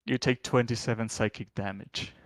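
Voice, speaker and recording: A man's voice: mid-range voice, steady tone, moderate pace, dry recording. A man acting as game master, narrating a tabletop game casually and answering players.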